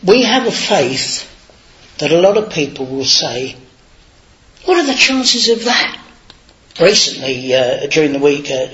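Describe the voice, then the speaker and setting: Man, informal sermon, chatty anecdotes, slightly high voice. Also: fairly bright tone. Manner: chatty, anecdotal, self-deprecating. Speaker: lay preacher. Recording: dull lo-fi recording.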